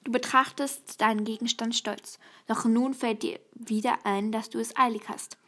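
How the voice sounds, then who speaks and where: Girl reading out a quiz and answering it, fairly high voice, trips over words, slips into whispers. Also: steady tone, fairly bright tone. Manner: reads quickly, stumbles and restarts, sometimes drops to a whisper. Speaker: video host taking a quiz.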